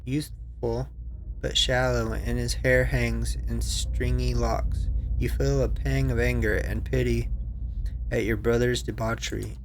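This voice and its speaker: A man hosting a game playthrough, reading the story text aloud in an even way, with small stumbles and asides. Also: medium pitch, measured pace, slight background noise. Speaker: let's play host.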